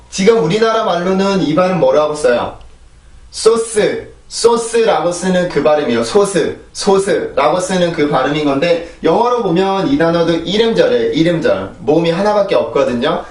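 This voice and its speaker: A man's voice: fairly high pitch, roomy sound, distant mic. A man whose first language is Korean teaching English pronunciation, explaining patiently and drilling words in repeated sets. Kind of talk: pronunciation lesson.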